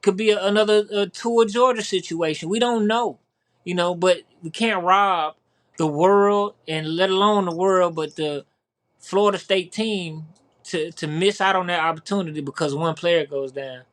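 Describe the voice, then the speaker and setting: A man with a high-pitched voice co-hosts a casual sports podcast. He rambles, repeats words and leans on fillers as he talks. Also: moderate pace. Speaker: podcast co-host.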